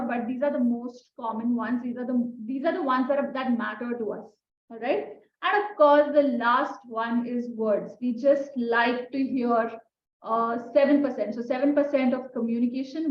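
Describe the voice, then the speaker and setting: A woman teaching a communication skills lesson in a conversational way, often asking her listeners questions. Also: high-pitched. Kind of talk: recorded lesson. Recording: echoey room, dull sound.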